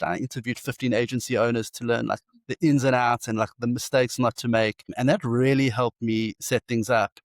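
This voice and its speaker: Speaking at a medium pitch, this South African guest in his forties, who founded and runs an agency, spins eager, fast-paced stories in a relaxed interview, often starting over mid-thought. The studio-quality audio has no room sound.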